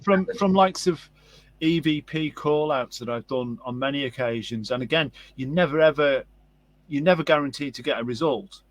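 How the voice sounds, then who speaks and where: A man's voice: medium pitch, moderate pace, dry recording. Male host with an ordinary mid-range voice, chatty and rambling, keeps affirming his guest. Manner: rambling storyteller, frequent affirmations. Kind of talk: casual interview.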